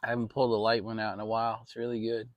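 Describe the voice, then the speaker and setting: A man's voice: on the low side, monotone, rapid-fire, no echo. An American man giving a casual, rambling, mildly salty chat to his viewers from his backyard outdoors. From Maryland, United States. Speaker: vlog host.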